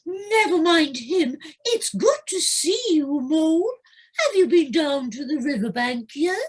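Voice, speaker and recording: A woman's voice: sits high, lively intonation, measured pace, low-quality recording. A woman playing a cheerful, forgetful female owl in an audio play, fluttery and insistent. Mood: friendly. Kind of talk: community audio play of children's classic. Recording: home video-call recording.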